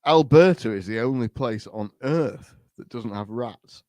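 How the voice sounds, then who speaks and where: A man's voice: medium pitch, a little slow, darkish tone, dry recording. A man hosting a podcast, talking in a casual, rambling way with lots of restarts and hesitations. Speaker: podcast host. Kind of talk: casual chat.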